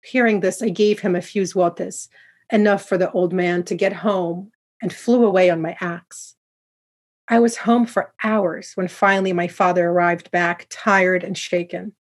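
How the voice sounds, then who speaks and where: A woman narrating a first-person folktale in a steady, descriptive way. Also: lowish voice, measured pace. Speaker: storyteller.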